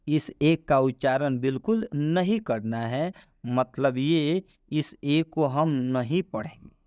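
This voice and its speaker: Male tutor, fairly high voice, drills and questions the class. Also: animated, takes it slowly, a little mellow, smooth, dry recording, clean studio sound. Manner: repeats rules and quizzes the listener. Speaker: English pronunciation teacher. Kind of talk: classroom-style explanation.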